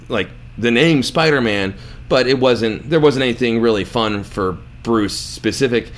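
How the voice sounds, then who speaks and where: A man co-hosting a podcast, giving opinionated, animated commentary in casual film chat. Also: mid-range voice. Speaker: podcast co-host.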